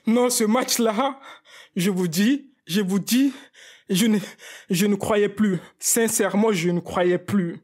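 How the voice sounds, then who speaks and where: Excited man reacting to a football match. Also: sits high, slow pace. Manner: excited, repeats himself, talks straight to viewers. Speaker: football video creator. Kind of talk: emotional match reaction vlog.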